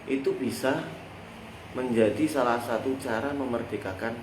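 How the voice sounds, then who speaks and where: A Javanese-accented man of medium pitch teaches at a normal speed from a classical Islamic text. He makes his points with everyday comparisons and has his listeners supply the endings of his sentences. Echo fills the room, and faint background noise is present.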